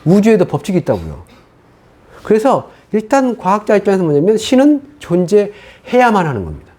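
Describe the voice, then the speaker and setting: A middle-aged man preaching a sermon as pastor, telling his own story in an animated way and acting out what he once said. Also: high voice, fairly quick. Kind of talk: sermon testimony.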